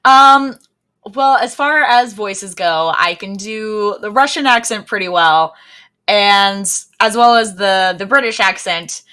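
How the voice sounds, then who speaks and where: A young woman from the United States talks casually over a video call. Her voice is bright and forward, and her delivery is chatty and self-deprecating. She laughs easily between her thoughts. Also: mid-range voice, slow pace. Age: young adult. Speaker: streamer guest. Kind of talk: casual podcast interview.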